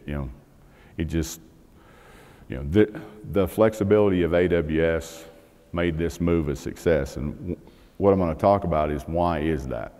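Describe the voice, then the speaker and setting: The speaker, a middle-aged man, delivers a technical talk from the stage of a big conference hall, chatting along with fillers and false starts. His voice sits low with a darkish tone, and the recording carries long reverb from the hall.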